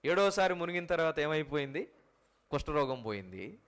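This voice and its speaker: Resonant higher-voiced male preacher. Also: sing-song, brisk, fairly bright tone. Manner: fires rhetorical questions at the congregation; addresses listeners directly as mothers and fathers. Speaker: pastor. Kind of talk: sermon.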